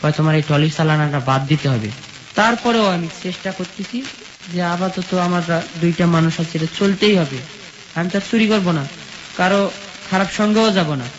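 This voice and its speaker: In a high-pitched voice at normal speed, a young adult man from a Bangladeshi village recounts his life as a guest in an interview. His speech is plain and colloquial, moving step by step and quoting what people said. Steady sizzling runs under the dull-sounding audio.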